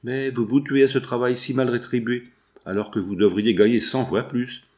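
A man's voice: mid-range voice, fairly even intonation, normal speed, a little mellow, natural voice. A man voicing a young woman seamstress, patient and loving, read in an earnest, pleading way in an audiobook. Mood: tender, pleading.

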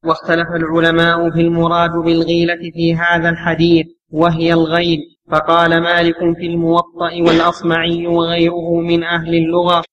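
Male student reader, high voice, flat reading, dull lo-fi tape. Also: a little fast, hardly any pauses. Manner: steady recitation of a written text. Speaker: student reading the text aloud. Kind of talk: reading a text aloud in class.

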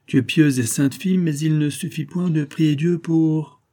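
A man's voice: fairly high pitch, steady tone, moderate pace, mellow, pitched above the performer's own voice, close to an everyday voice. A man doing a cold, stern aristocratic father. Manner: cold and curt.

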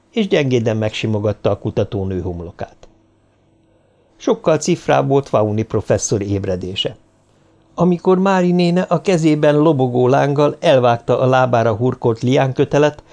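A man reading an audiobook in an even, steady narration. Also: medium pitch, gravelly.

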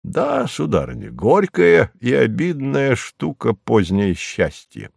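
A man voicing a bitter, grumbling middle-aged landowner in an audiobook, speaking slowly and sourly. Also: mid-range voice, very animated, gravelly, a little mellow, husky, no echo, clean studio sound, heavily acted. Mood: gloomy. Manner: slow, sour, sententious. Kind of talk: audiobook character reading.

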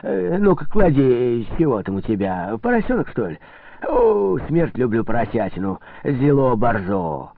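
A man's voice: medium pitch, sing-song, slow pace, slight background noise. A man playing a jolly gluttonous old priest. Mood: jovial. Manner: hearty, drawling, churchy phrasing. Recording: dry, narrow phone-like sound.

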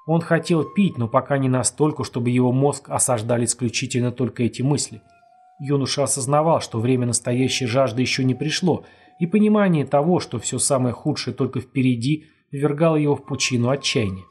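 A man reading an audiobook with steady, dramatic narration. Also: mid-range voice, a little fast, husky. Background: faint music.

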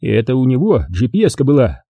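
A man's voice: medium pitch, sing-song, fairly quick, mellow, no echo. A man voicing a cold, calculating army officer who questions curtly in an audiobook. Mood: stern. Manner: curt, stern questioning. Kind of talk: audiobook character voice.

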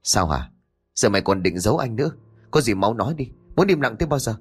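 A man's voice: on the low side, very animated, fast, slightly rough, soft background music. A man playing a stern, blunt older brother. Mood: pressing. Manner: blunt, commanding.

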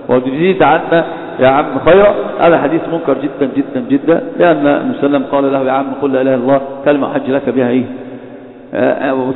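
A man gives a religious lecture on hadith criticism, often hesitating and correcting himself. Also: mid-range voice. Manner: frequent hesitations and self-corrections. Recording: echoey hall over a tinny phone-like line.

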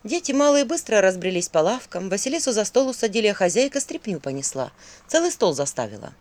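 Animated storyteller reading a spooky fairy tale audiobook, lots of pitch swings. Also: quick pace. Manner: expressive storytelling. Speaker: narrator.

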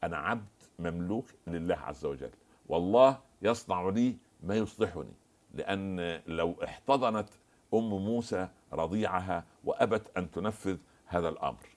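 A man's voice: low voice, normal speed. A man as the scholar guest on a TV religious discussion, preaching and quoting scripture and stories.

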